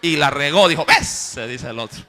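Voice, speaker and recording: A man with a coastal Ecuadorian accent preaching a sermon. He talks fervently, keeps checking in with his listeners, and swings from loud emphasis to quiet asides. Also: on the high side, fairly quick.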